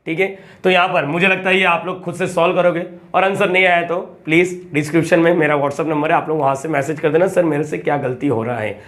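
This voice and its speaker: A young man teaching maths in a chatty, coaxing way, often repeating phrases slowly as he writes. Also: on the high side, flat delivery, fairly bright tone. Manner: chatty and coaxing, acts out student questions and repeats phrases slowly while writing. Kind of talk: classroom lecture.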